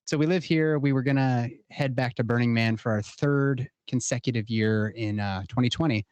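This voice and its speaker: A man's voice: medium pitch, normal speed, a little mellow, clear, resonant tone, no echo. Male podcast guest, 30s, earnest and playful, dry close sound. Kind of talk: casual chat.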